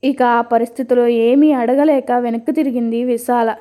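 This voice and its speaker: Mellow-voiced woman storyteller. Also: fairly high pitch, moderate pace. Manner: expressive, dramatic reading. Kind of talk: storybook narration.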